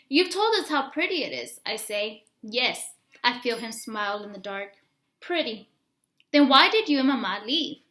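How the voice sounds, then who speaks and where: In a spacious, echoing room, a woman reads a children's story with a high, bright voice. She addresses her young audience directly in an expressive, teacherly way, asking them questions as she goes through the picture book.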